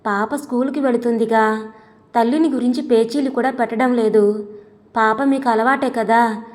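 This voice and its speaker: Woman reading a shy polite old dad in a storybook, high voice, long echo. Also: fairly even intonation, normal speed, close to an everyday voice. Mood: hesitant. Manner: hesitant, polite. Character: elderly father, humble and gentle. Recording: long echoey reverb.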